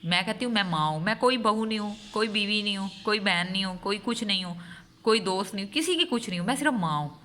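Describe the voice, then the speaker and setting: A woman's voice: medium pitch, expressive, pushed and bright, a little hiss or hum. A mother talking earnestly to her vlog audience, stressing her points with long runs of repeated phrases. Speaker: vlogger and mother. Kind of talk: heartfelt vlog monologue.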